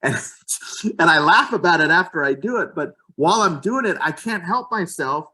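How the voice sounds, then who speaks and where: A man's voice: on the high side, lively intonation, normal speed, sharp tone. A man who works as a real estate agent, talking passionately and emphatically in a casual podcast chat and often repeating how he starts a sentence.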